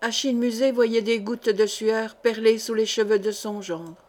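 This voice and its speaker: A woman reading a historical novel aloud as an audiobook, in a measured literary manner. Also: a little high, fairly even intonation, a little mellow. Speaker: audiobook reader. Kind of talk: scripted narration of a historical novel.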